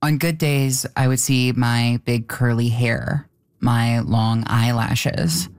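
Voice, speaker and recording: A woman's voice: a bass voice, flat delivery, slow, darkish tone, smooth, no room sound, studio quality. A woman narrating her personal story from a script.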